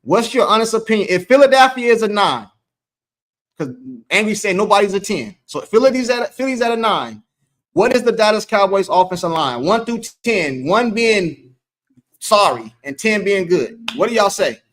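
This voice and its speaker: A man's voice: sits high, very animated, moderate pace, a bit bright. A man hosting a loose, rambling sports talk show, reading from a live chat. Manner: loose, rambling, repeats himself. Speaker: host.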